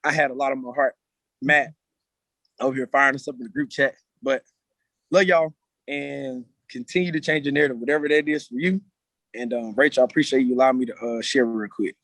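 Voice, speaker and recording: A man's voice: mid-range voice, steady tone, a little fast, a bit bright, no room sound. A man guest speaker on a video call, giving an earnest, informal motivational talk.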